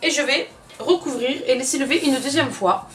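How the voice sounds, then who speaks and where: A high, fairly bright female voice at a moderate pace, with some hiss or hum, carries a Southern French accent. In her home kitchen she gives a chatty cooking tutorial, demonstrating a recipe, speaking directly to viewers, and repeating words often.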